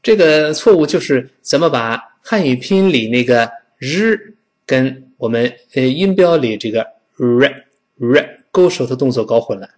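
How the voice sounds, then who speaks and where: A middle-aged man from China teaching a spoken English lesson, demonstrating pronunciation slowly and repeatedly. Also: mid-range voice, animated, a little mellow.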